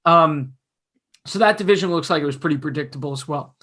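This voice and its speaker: A young man co-hosting a casual sports podcast, chatty and analytical, his voice going hoarse. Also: fairly high pitch, a little fast, bright, forceful tone. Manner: chatty, analytical, self-mocking. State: losing his voice. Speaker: podcast co-host.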